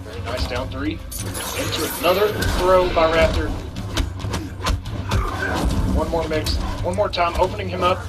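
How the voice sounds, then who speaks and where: Male esports caster, live fighting game commentary, higher voice, over loud music and game audio. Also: unhurried, pauses often.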